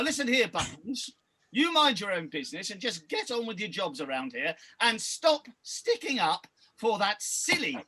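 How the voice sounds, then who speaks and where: A woman playing a vain, bossy, sneering pantomime stepsister, with a haughty, theatrical, raspy delivery. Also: medium pitch, sharp tone, full character voice. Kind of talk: broad pantomime acting.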